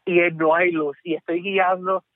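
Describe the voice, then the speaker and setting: High-voiced Puerto Rican man on a phone line. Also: moderate pace, dry recording. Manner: animated storyteller, repeats "¿ok?" and "te lo juro". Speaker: caller. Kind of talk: telling a story on a call-in show. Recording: tinny dry phone line.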